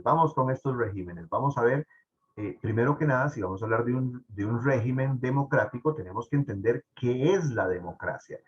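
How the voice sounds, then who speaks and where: Lively teacher lecturing, lo-fi. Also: male voice, medium pitch. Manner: animated, asks "¿verdad?" often, jokes with students. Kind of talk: classroom lecture.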